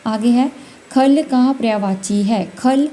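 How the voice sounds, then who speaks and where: A woman's voice: a little high, slow, warm tone, slight background noise. Woman teaching Hindi exam questions. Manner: explains patiently, repeats key words, sounds out letters. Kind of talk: exam-prep lesson, question by question.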